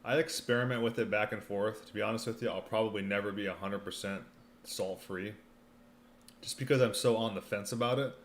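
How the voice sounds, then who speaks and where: Man, deep voice, casual livestream host, laid-back slang, talking with food in his mouth, slightly noisy room tone. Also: fairly even intonation, fairly quick. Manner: talks while eating, mouth sometimes full; laid-back slangy delivery, often saying "man" and "you know". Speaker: livestream host answering viewer questions.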